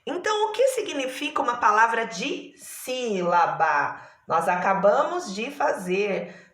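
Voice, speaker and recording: Here a medium-pitched, fairly bright female voice echoes in a reverberant space as a Brazilian teacher patiently guides young primary students. She has a Brazilian Portuguese accent, elongates her syllables, and checks in again and again.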